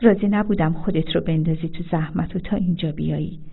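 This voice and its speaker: A woman reader voicing a distressed young husband with a low, subdued delivery. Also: steady tone, creaky, slightly rough. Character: distressed young husband, shaken by bad news. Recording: phone-like narrow sound.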